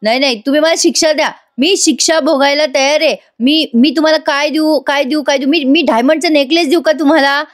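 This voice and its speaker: A woman doing a flustered man who begs and stammers and repeats himself, pitched fairly high. He is fawning and panicky, and his voice climbs as he grovels. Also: normal speed, hardly any pauses, close to an everyday voice. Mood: pleading. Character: panicky, fawning middle-aged man fond of drink.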